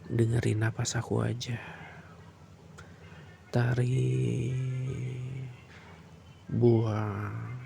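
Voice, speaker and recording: A man doing a soft, soothing bedtime boyfriend roleplay in a close, intimate way, sometimes slipping into a breathy whisper. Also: mid-range voice, slight background noise.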